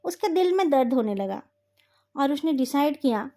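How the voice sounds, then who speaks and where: A woman narrating a romance novel retelling as a steady storytelling reading. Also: high-pitched, moderate pace.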